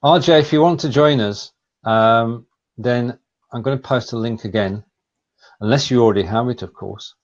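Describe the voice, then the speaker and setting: A man with a Lancashire accent hosting a live online show, explaining things in a casual, halting, chatty way over a video call. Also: mid-range voice. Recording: slightly dull, lo-fi sound.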